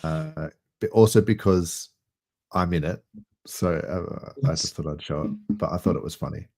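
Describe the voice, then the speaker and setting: Man, deep voice, casual rambling livestream host. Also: normal speed, vocal fry. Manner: relaxed, rambling, laughs easily.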